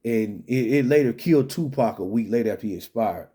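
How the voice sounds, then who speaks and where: Male commentator, mid-pitched voice, loose rambling delivery with frequent restarts. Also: a little fast, mellow, slightly rough. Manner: rambling, many restarts and fillers. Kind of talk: casual solo commentary.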